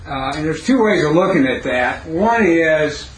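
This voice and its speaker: This halting, questioning Bible teacher has a hoarse, raspy voice that's a little high and expressive, and he breaks off to quiz his students. It was recorded indoors in a classroom on a recorder set near him, sounding roomy with faint noise.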